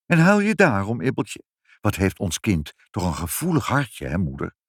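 A kindly, fussing father from a storybook, as a male reader plays him, coaxing and gentle. His voice moves up and down lively, in a dry, close sound. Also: fairly low pitch, normal speed, slightly rough, no echo, exaggerated voice.

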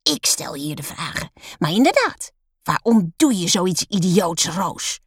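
A woman voicing a strict, short-tempered female schoolteacher in a storybook, shrill and shouting. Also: very animated, a little slow, breathy edge, no room sound, clean studio sound, full character voice. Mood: stern, angry.

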